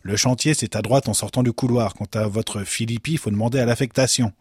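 A jovial, amused mail clerk in a prison, played by a male storyteller in a radio story. The voice is husky and a little raised. It sounds close and dry. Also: medium pitch, fairly even intonation, brisk, darkish tone, no echo, close to an everyday voice. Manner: amused, helpful.

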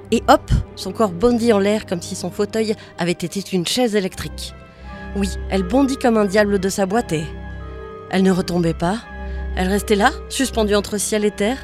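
A woman's voice: medium pitch, darkish tone. A woman narrating a storybook expressively, with dramatic emphasis.

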